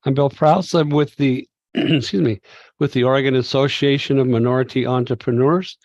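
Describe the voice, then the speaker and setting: A man's voice: mid-range voice, fairly even intonation, moderate pace, a little mellow, no echo, highs cut off. A man introducing himself in a chatty, rambling way at a community advisory meeting held over a video call. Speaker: community advisory group member.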